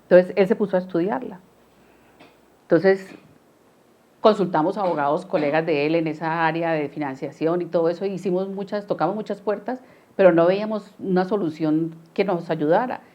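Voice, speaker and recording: Woman, low mellow voice, hesitant recollection, dull lo-fi sound. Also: normal speed. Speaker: interviewee, a dentist and the lawyer's wife. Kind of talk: testimonial interview.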